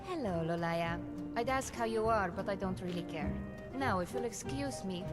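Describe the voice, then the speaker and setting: A woman's voice: mid-range voice, normal speed, natural voice. An actress playing a poised, dry-witted bard woman, composed and articulate, in a fantasy video game. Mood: dry disdain. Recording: loud game music behind the voice.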